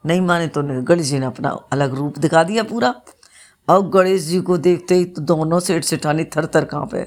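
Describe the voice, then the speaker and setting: A woman's voice: low voice, normal speed, a little mellow. A woman, telling a religious folk tale in a plain, homely way. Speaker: storyteller.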